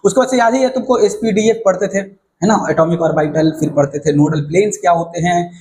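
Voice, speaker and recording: A male teacher walking students through a syllabus in a casual, fast-talking way, often checking that they follow. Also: sits high, darkish tone, a little hiss or hum, low-quality recording. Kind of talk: casual syllabus walkthrough lesson.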